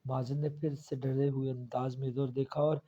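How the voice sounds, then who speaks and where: A man's voice: mid-range voice, level tone, mellow, slightly rough. A man narrating a first-person horror story in a dramatic, tense storytelling manner, on a dull lo-fi recording. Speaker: audiobook narrator. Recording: dull lo-fi audio.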